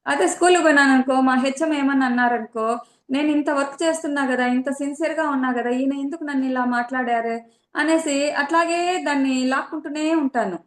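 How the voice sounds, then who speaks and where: A middle-aged woman, a meditation teacher, giving an earnest, reflective spiritual talk about her own experiences, pausing often. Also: high voice. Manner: earnest, reflective, with frequent pauses and fillers. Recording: echoey room.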